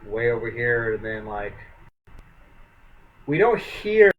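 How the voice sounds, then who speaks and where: A man's voice: medium pitch, very animated, slow, dull audio. Male streamer host, casual and profane, rambling delivery, faint background hiss. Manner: rambling, profane, filler-heavy. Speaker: podcast host. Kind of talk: casual storytelling.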